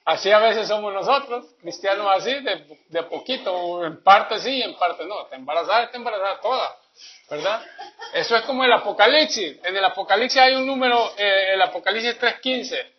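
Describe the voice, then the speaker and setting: Casting: high-pitched man, folksy catechism teacher, dull lo-fi recording. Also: brisk. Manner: folksy, repetitive, with frequent "¿verdad?" asides. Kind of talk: catechism class talk. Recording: dull lo-fi sound.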